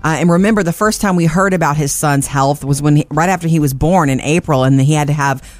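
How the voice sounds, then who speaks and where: A woman's voice: deep voice, fast, no room sound. A woman hosting a casual radio show segment on entertainment news, chatty and upbeat, laughing easily.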